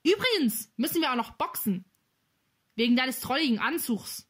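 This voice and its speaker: A woman voicing a brash, bossy boy who leads a street gang, loud and teasing, in a storybook reading. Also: sits high, very animated, normal speed, husky, voice pushed up, heavily acted. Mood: gruff. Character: brash Berlin street boy, cheeky leader.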